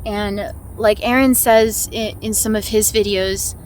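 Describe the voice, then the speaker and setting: A woman with an American accent chats casually to her vlog audience on camera as she walks a hiking trail, informal and chatty with little chuckles. Her medium-pitched voice is a little mellow and a little slow, with fairly even intonation. The recording is low quality, with outdoor ambient noise.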